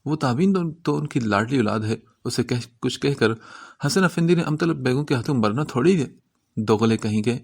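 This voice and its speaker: A man's voice: medium pitch, a little mellow, close to an everyday voice. A man reading as an angry protective aunt. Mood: bitter. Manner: bitter and scolding. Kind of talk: novel reading.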